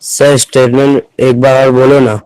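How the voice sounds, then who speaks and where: Teen student on a clipping, distorted mic. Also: male voice, mid-range voice, flat delivery, measured pace, darkish tone, clear, resonant tone, dry recording. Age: teens. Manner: politely insistent, repeats his request. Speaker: student asking a question. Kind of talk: casual classroom request. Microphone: mic held very close to the mouth.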